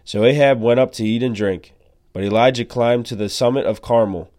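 A man reading scripture aloud in a slow, measured, solemn way. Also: mid-range voice, fairly even intonation, darkish tone. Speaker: scripture reader.

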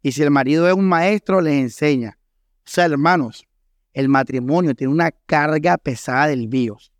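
A man's voice: on the high side, moderate pace, no echo, studio quality. Emphatic preaching man, Colombian coastal accent. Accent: Colombian Caribbean Spanish. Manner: emphatic preaching with rhetorical questions to the congregation. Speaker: pastor. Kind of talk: sermon. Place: church hall.

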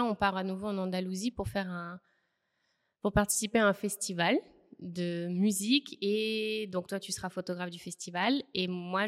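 A woman hosting a podcast, talking in a lively, animated way and laughing easily. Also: medium pitch, big-room sound. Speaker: podcast host. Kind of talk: casual conversation.

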